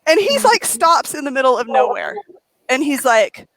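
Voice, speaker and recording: Woman, high voice, very lively pitch, dry sound, storytelling on a video call. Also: normal speed, no room sound, low-quality recording. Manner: animated storyteller, acts out quotes with shouts. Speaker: author and group admin. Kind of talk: casual video call chat.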